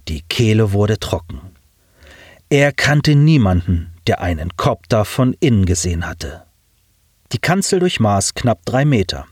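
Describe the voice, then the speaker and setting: A male narrator reads a science fiction audiobook with a lively, rising and falling melody. He tells the story at a measured pace in a middle register. The sound is dry and close, as in a booth. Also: on the low side, no echo.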